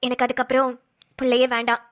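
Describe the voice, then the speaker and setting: A gentle pregnant young wife from a family cartoon who answers quietly and politely, as a woman voices her a little lower than her own voice. Her tone is soft and bright. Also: completely flat delivery, fast. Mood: meek. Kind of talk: cartoon voice acting.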